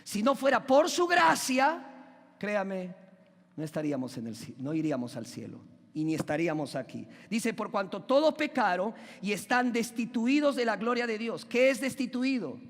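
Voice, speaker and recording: A male pastor with a strikingly high voice preaches in a church. He quizzes the congregation and urges them to shout their answers, and he lingers on key words for emphasis. Long reverb rings around his voice. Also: very animated, moderate pace. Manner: questions the congregation and asks them to call out answers. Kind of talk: preaching a sermon. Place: church sanctuary.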